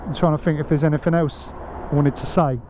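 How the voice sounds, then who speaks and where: A man's voice: a little high, fairly even intonation, a little fast. A man with a nasal voice giving informal, rambling advice in a casual vlog style as host. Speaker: host of an e-bike video channel. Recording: loud outdoor vehicle and street noise.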